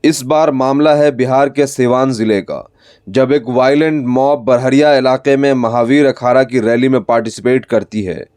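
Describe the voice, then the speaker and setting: Dark, dry-voiced male news narrator. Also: mid-range voice, fairly even intonation, moderate pace, clean tone, dry recording. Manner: critical, pointed commentary. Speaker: news anchor.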